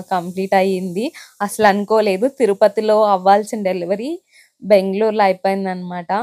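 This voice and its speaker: A woman's voice: mid-range voice, dark tone. A young woman with a Telugu accent, heartfelt as she recounts her own experience in a personal vlog. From India. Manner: emotional, heartfelt recounting with many fillers. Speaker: vlogger.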